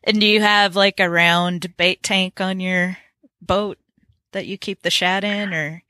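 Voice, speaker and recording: A woman's voice: fairly low pitch, fairly even intonation, unhurried, sharp tone, dry recording. A woman hosting a fishing podcast, asking casual follow-up questions. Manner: friendly follow-up questions, brief acknowledgements. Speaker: podcast host. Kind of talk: casual interview.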